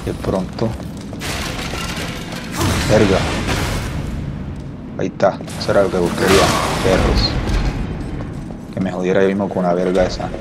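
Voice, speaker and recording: Low, flat-voiced young man muttering over gameplay. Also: a little slow, long pauses, over loud music. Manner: muttering to himself, swearing, puzzled questions. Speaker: gameplay streamer. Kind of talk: casual let's-play commentary. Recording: loud game sound behind voice.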